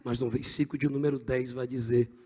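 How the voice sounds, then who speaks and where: A middle-aged male pastor preaching a Pentecostal sermon, swinging from hushed passages to shouted climaxes. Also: medium pitch, level tone, brisk, husky, big-room sound.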